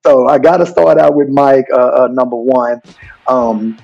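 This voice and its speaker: A man, a high school basketball coach, answering interview questions in an earnest, rambling way full of fillers. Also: unhurried, gravelly, a little mellow, lo-fi sound, faint music behind. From Houston, Texas.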